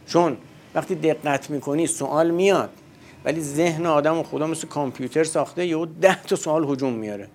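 A man's voice: on the high side, darkish tone, slight background noise. A man giving a religious lecture in a conversational way, posing rhetorical questions and answering them himself.

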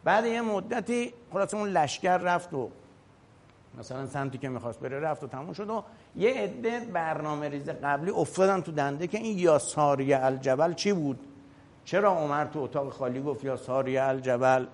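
A man delivers a sermon-style lecture in a slightly raised voice. He tells stories with animation, speaks colloquially, and keeps turning to his listeners with rhetorical questions. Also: a little high. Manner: animated storytelling with rhetorical questions and acted quotes; colloquial, addresses listeners directly. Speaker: religious lecturer.

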